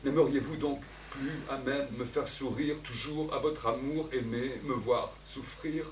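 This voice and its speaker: A man's voice: medium pitch, fairly even intonation, measured pace, slight background noise, natural voice. Elvire, a scorned lover crying out , as a man puts her on. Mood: pleading. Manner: impassioned, cries out in long outbursts. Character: Elvire, a scorned woman lover, desperate and raging. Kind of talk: theatrical stage declamation. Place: theatre stage. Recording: echoey theatre, voice from far off.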